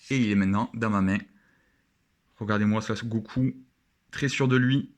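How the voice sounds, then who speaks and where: A young man chatting casually and with enthusiasm as he opens trading cards and admires each one. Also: mid-range voice. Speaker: card opening vlogger. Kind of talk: casual card-opening commentary.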